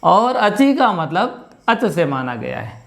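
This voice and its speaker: Slow, high-voiced male Sanskrit teacher. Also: very animated, vocal fry, a bit bright. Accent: Rajasthani Hindi. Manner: slow, explaining step by step, repeats sounds for pronunciation. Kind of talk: classroom lecture.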